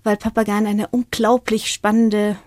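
Woman, middle-aged, researcher talking birds, calm explainer voice, very dry sound. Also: medium pitch, moderate pace, no echo. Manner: thoughtful, explanatory. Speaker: guest, parrot and raven researcher. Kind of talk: podcast interview.

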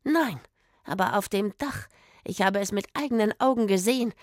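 A woman's voice: medium pitch, lively intonation, normal speed, no echo, studio quality, lightly acted. A woman voicing a fearful, superstitious old village woman who hisses urgent warnings, in a children's audio story. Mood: insistent. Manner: hissing, urgent and imploring.

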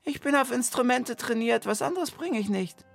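A man voicing an impatient male genie from a vase in a children's radio story, speaking in a curt, brisk, exasperated way. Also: very high-pitched, lively intonation, creaky, fairly bright tone, faint music behind, pitched above the performer's own voice, heavily acted. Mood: matter-of-fact.

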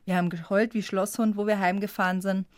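A woman's voice: medium pitch, little pitch movement, fast talker, no room sound, clean studio sound. A woman from the Munich area, a guest in a radio interview, telling her story in a chatty way and laughing often. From Munich area, Germany. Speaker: guest, squirrel rescuer.

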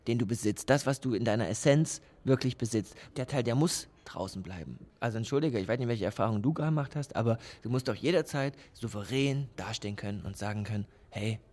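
An actor in a radio play voicing a cynical man who calls himself a professional of love. He lectures sardonically and swings between hushed asides and emphatic bursts. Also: medium pitch, fairly quick, few pauses, natural voice.

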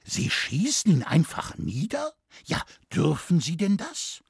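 A man's voice: mid-range voice, big pitch swings, a little slow, slightly rough, no room sound, studio quality, exaggerated voice. A man voicing a naive, easily frightened city schoolmaster who speaks properly and stammers when shocked. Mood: anxious. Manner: fussy, stammering, proper speech.

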